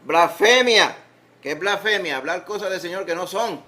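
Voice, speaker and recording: Preaching from a church sanctuary, a Puerto Rican pastor talks at a normal speed in a high-pitched, pushed, bright voice with lively intonation. His sermon is conversational, mixing humor with rhetorical questions.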